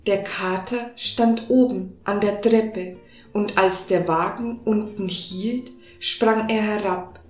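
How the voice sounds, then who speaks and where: Slow-reading woman fairy-tale narrator. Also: mid-range voice. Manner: calm, unhurried storytelling. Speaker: storyteller. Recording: roomy with faint music behind.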